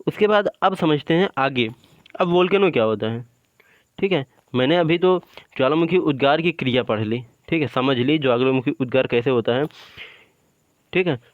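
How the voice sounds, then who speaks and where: In phone-quality audio with no echo, a man of medium pitch and normal speed gives an exam-prep lecture. He repeatedly quizzes and answers on key terms, says "ठीक है" after nearly every point, and explains a drawing one step at a time.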